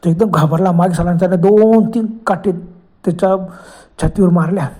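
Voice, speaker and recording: A man's voice: high voice, a little fast, mellow. A man narrating a horror story with a dramatic, exclaiming manner.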